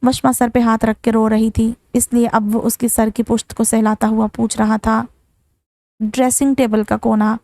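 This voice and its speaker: A woman reading a novel aloud as an audiobook narrator, in a steady, even manner. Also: on the high side, normal speed, few pauses, no echo, clean studio sound. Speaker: novel reader.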